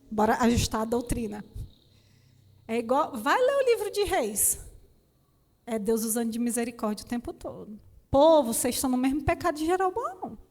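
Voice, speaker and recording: A Brazilian woman preacher giving an animated sermon with a personal testimony, often calling out to the congregation as brothers. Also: sits high. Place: church hall. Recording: reverberant church hall.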